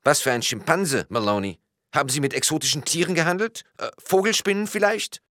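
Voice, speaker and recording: A man voicing a naive, chatty male police officer who rambles with lively rising questions, in a read-aloud crime story. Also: a little high, brisk, no echo, studio quality, voice pushed up. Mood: bumbling.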